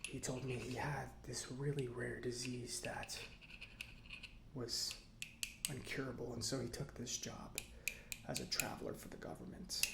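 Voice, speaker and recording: In a soft-spoken ASMR roleplay, a man plays a chatty, easygoing robot mechanic, speaking in a breathy half-whisper with a rambling, conversational, gently confiding manner. His mid-range voice is flat and a little slow, and the recording is very noisy.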